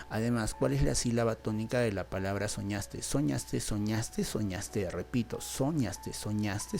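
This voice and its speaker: A man with a Peruvian Spanish accent teaches a grammar lesson in a low, gravelly voice. He walks through each example patiently and checks in often. Faint music plays underneath. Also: darkish tone. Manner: patient, repeats points and asks "¿ves?".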